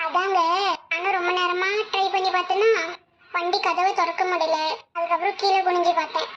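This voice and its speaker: A woman's voice: very high voice, level tone, a little fast, highs cut off, crowd noise. A woman voicing a scatterbrained, talkative woman in a cartoon, speaking with a Tirunelveli Tamil accent. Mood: chatty.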